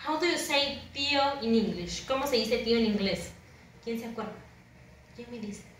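A woman teaching English to primary school children, slowly drawing out model words for them to repeat and praising them. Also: a little high, slight background noise. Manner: switches between English and Spanish, encouraging praise. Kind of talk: bilingual classroom lesson to camera. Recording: roomy and distant with faint ambience.

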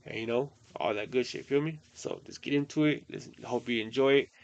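A man's voice: mid-range voice, a little fast, creaky, lo-fi sound, background noise. A man with a Chicano English accent, hosting a reaction video in casual, slangy commentary. He often repeats himself and trails off into asides. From United States.

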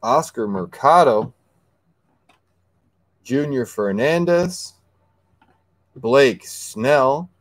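A man's voice: mid-range voice, extremely slow, long pauses, no echo. A man hosting a card break, casually reading out player names as he opens packs, sometimes stumbling over them. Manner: reads player names aloud, stumbles on some, yells when excited. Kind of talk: casual card-opening chat.

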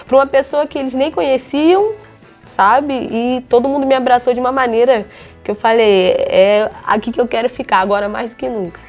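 A young Brazilian woman, a footballer, chats in a relaxed interview. Her voice sits a little high, and she acts out the lines she quotes as she tells her stories. Soft music plays quietly behind her. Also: fairly quick. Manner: chatty storytelling, acts out quoted dialogue. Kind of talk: casual interview chat.

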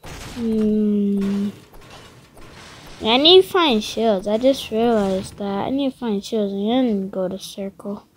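A woman's voice: medium pitch, normal speed, few pauses, slight background noise. A woman giving casual, rambling commentary over her gameplay, her voice stuffy and congested from a cold. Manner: chatty, excitable, rambling slang. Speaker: gaming video creator.

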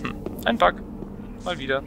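A man's voice: fairly high pitch, expressive, moderate pace. A young man giving casual gameplay commentary as a let's player, musing and thinking aloud as he goes. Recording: clear background noise from game.

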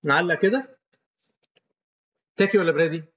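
A man's voice: fairly high pitch, expressive, moderate pace, a bit bright, lo-fi sound. A man with an Egyptian Arabic accent giving a medical lecture, walking students through each step and quizzing them as he goes.

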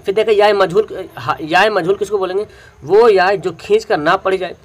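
A man teaching an exam-prep grammar lesson, patiently repeating definitions and drawing out example words slowly. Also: sits high.

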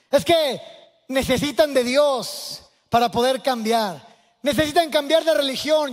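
High-voiced preacher in a hall. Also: male voice. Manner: impassioned, animated storytelling with restarts. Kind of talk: sermon with personal testimony. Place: church sanctuary. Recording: echoey church hall.

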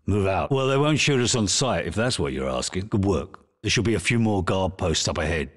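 A gruff British special forces captain from a military video game. He is curt and commanding with a sardonic edge, and his pitch swings widely as he hands out orders. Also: sing-song, a little fast. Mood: low, dry.

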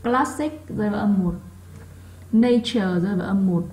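A woman whose first language is Vietnamese, teaching English and going over a workbook test. She reads words slowly with marked stress so students can repeat them. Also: medium pitch, a little mellow, low-quality recording. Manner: drills pronunciation, reading words slowly with stress. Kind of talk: classroom lesson explanation.

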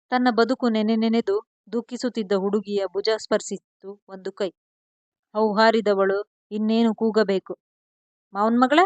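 A woman storyteller giving a measured, expressive scripted narration of a serial love story. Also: medium pitch, no room sound.

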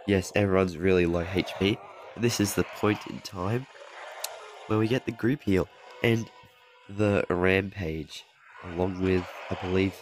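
This young mobile game channel host comments casually on his gameplay recording in a low-pitched voice that sounds slightly off because he's sick. He rambles, corrects himself and chuckles often, with a little noise in the background.

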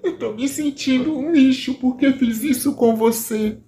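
A woman with a Brazilian accent voicing a fragile, despairing young woman with a soft, high, tearful voice. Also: unhurried.

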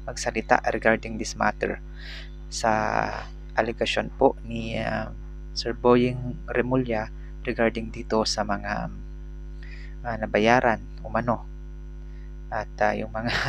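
Gravelly-voiced young man vlogging with a sore mouth. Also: lowish voice, poor audio. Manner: talks with his mouth sore after a tooth pulled, many fillers. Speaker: political vlogger. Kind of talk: casual political vlog commentary. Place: small room at home, plain wall. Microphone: lapel mic on a stand at the chin.

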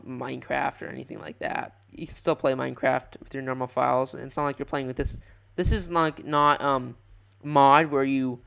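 A young man giving rambling, excitable live commentary over his own gameplay, often restarting his sentences. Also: mid-range voice, gravelly, clear, resonant tone. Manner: rambling, self-correcting, excitable. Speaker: gaming channel host.

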